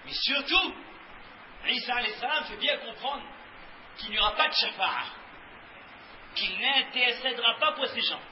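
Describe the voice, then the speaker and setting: A man preaching a lecture, reciting verses and then slowly explaining them in his own words. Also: extremely high pitch, lively intonation. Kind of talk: religious lecture with Quran recitation. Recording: echoey, dull lo-fi recording with faint hiss.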